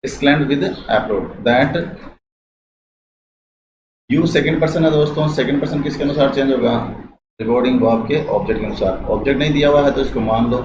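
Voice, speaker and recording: A male teacher giving a lecture on English grammar, slowly dictating sentences as he writes them on the board and asking the class questions. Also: medium pitch, roomy sound, background noise.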